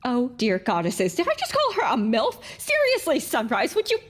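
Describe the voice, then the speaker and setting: A woman voicing a high, animated young heroine mare. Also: moderate pace, full character voice. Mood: flustered. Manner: rambling, self-mocking inner monologue. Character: young heroine mare, wandering wasteland survivor. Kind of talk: audiobook character voice.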